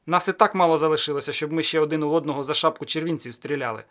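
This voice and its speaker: A man voicing a proud, quick-tempered cossack warrior in an audiobook, blunt and defiant. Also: a little high, a bit bright, natural voice. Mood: indignant.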